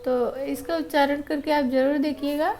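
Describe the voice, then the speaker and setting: A woman with a high voice teaching an online grammar lesson. She is patient, explains each rule twice, and draws out every example sound slowly. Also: steady tone, darkish tone, a little hiss or hum.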